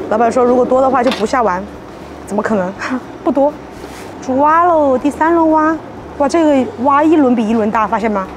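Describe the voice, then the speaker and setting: High-voiced young woman food vlogger, playful. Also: noisy background. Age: young adult. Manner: playful, exclamatory, talks while eating. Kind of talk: casual mukbang chat to camera. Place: outdoor table at a street-side restaurant.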